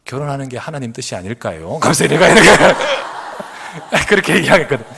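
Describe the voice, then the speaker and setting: A man's voice: on the high side, fairly quick, vocal fry, over a noisy crowd. A middle-aged man preaching a sermon as pastor, telling stories with laughter and acting out the voices of others. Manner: animated storytelling with laughter, acts out quoted voices. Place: church sanctuary.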